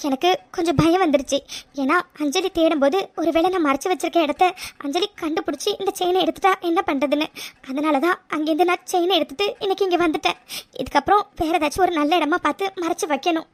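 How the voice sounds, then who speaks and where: A woman's voice: extremely high pitch, fast talker. A woman voicing a sincere young woman in a cartoon, tearful and pleading, often repeating her words. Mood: worried. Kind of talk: cartoon voice acting.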